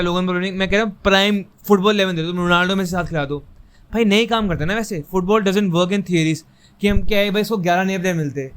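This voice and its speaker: A man's voice: high-pitched, a bit bright, clean tone. A young man giving a heated, frustrated fan reaction to a football match, switching between Hindi and English.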